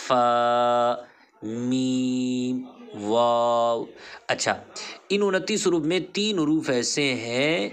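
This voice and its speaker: A man teaching a Quran reading lesson, patiently spelling out letter sounds one by one and encouraging his student to repeat them. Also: mid-range voice. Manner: encouraging, praises the learner. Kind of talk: recorded online lesson.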